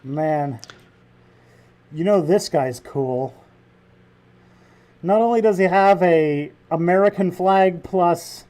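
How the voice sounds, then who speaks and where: Irreverent young man, bright high voice. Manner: irreverent, joking, swears freely. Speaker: reaction video host. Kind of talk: casual reaction commentary.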